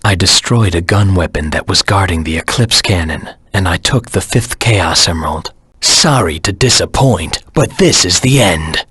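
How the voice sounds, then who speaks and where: A man voicing a brooding, vengeful hedgehog antihero in a video game, with a gravelly, husky voice and a terse, solemn, menacing delivery. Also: low voice, expressive, normal speed, fairly bright tone, no echo, clean studio sound, exaggerated voice. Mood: menacing, defiant. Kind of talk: video game character voice acting.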